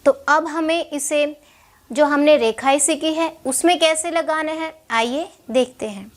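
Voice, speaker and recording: Slow, high-voiced woman teaching shorthand. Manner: slow, patient, checks in with "ठीक है" often; asks the class questions and answers them herself. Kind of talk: step-by-step whiteboard lesson.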